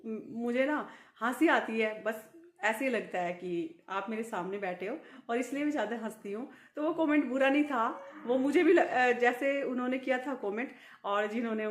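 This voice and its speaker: A middle-aged woman vlogging in casual chat to the camera, laughing often as she talks. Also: on the high side. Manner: laughs often while talking. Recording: echoey room.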